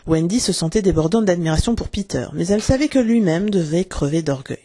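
A narrator reading a classic children's adventure aloud with lively, dramatic expression. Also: mid-range voice, brisk. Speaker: audiobook narrator.

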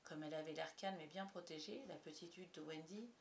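A woman's voice: deep voice, a little fast, a little hiss or hum. Woman reading a children's story. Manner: expressive, lively reading.

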